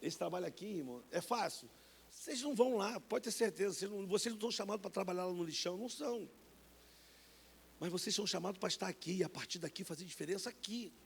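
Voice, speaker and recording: A man in his fifties with a Brazilian Portuguese accent, preaching a personal testimony in church, animated and acting out the people in his stories. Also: high voice, fast, vocal fry. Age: 50s. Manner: animated, acts out voices in his stories, calls listeners brother. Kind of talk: sermon testimony. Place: church sanctuary.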